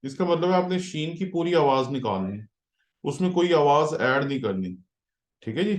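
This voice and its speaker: A man's voice: on the high side, animated, normal speed, reverberant. A man teaching a Hebrew reading class as a pastor, explaining patiently step by step and checking often that students follow. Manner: patient, explaining step by step with frequent "theek hai". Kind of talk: online class lesson.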